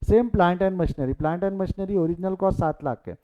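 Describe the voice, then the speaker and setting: Male accounting teacher, live online class, somewhat high-pitched, phone-like lo-fi audio. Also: slow, warm tone. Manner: mixes English terms, repeats key figures, urges students to reply in chat.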